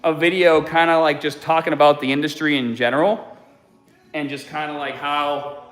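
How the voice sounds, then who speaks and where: A man's voice: on the high side, flat delivery, normal speed, a bit bright, reverberant. A man in his forties hosting a casual fitness live stream while working out, slightly sick and out of breath, reading chat aloud with laid-back sighs. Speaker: fitness channel host. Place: home gym.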